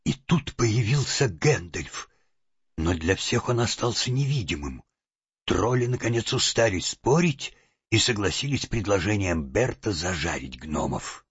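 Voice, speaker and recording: A man's voice: on the low side, lively intonation, measured pace, husky, no echo. A man narrating an audiobook in a dramatic storytelling manner. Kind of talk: expressive scripted narration. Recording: dull lo-fi audio.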